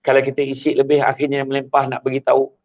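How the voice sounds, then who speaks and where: A man's voice: mid-range voice, quick pace. A man with a Malaysian Malay accent giving a religious talk, telling a story with acted-out voices. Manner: animated, acts out story voices. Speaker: host giving religious advice. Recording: dull lo-fi sound.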